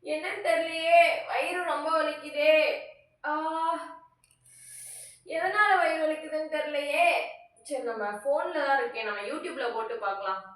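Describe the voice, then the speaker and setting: A woman's voice: high voice, measured pace, pauses often, a bit bright. A woman acting in a comedy skit at home, whining and complaining. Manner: whiny and complaining. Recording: echoey room, far from mic.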